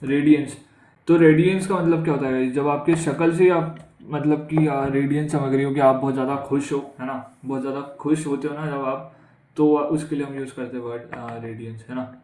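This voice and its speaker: A man's voice: mid-range voice, fairly even intonation, brisk, darkish tone, roomy sound, slight background noise, poor audio. A man teaching English vocabulary for exams in a chatty way, with an Indian accent, often asking the class questions and calling them "guys". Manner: conversational, repeats questions to students, says "guys". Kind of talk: exam vocabulary lesson.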